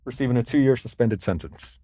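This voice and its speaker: A man's voice: mid-range voice, expressive, fairly quick, mellow, no room sound, studio quality. A man on a podcast reading out researched facts in a matter-of-fact way. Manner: matter-of-fact, reads details. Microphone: studio mic.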